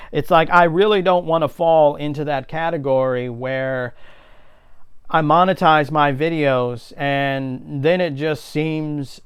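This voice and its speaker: Blunt man ranting, clear, slightly high voice. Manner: blunt, indignant, swears often. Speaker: video creator giving commentary. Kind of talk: ranting opinion commentary, casual and unscripted.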